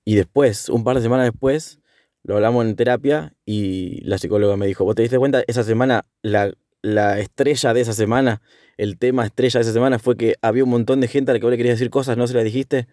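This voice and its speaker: A man's voice: mid-range voice, fairly even intonation, fast, mellow, dry recording, clean studio sound. A young man with a Rioplatense Spanish accent, talking through his thoughts in a hesitant, self-correcting way. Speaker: host. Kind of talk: casual reflective monologue.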